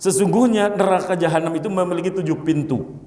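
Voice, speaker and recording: A man's voice: high-pitched, fast, dark tone. A man gives a sermon. He reads Arabic text, explains it, and turns to his listeners teasing asides. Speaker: preacher. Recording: echoey hall with long reverb.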